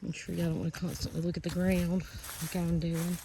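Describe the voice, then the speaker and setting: A woman talks casually to her viewers as she walks outdoors. Her voice has a creaky, gravelly edge, and her delivery is folksy and halting. There is faint noise on the outdoor recording. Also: fairly low pitch, little pitch movement. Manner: folksy, rambling, halting while walking. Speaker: vlogger and outdoor guide. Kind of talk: casual outdoor walking vlog, talking to viewers. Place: outdoors on a rural field and hollow trail.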